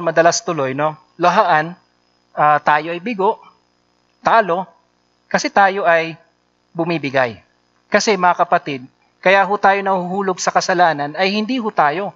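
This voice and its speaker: A man's voice: high voice, fairly bright tone. A male pastor preaching a sermon in a conversational way, often checking in with his listeners through short tag questions. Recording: dull lo-fi sound.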